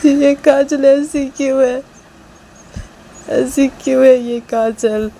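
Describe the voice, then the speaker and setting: A woman's voice: mid-range voice, measured pace, warm tone, a little hiss or hum, voice pushed up, close to an everyday voice. A woman voicing an anxious, lovesick young woman who pleads tearfully and repeats herself.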